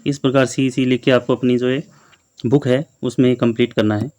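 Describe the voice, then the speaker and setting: A male teacher giving a slow, patient lesson on letters to young children, repeating each letter and word many times. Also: medium pitch, fairly even intonation, a little mellow, a little hiss or hum.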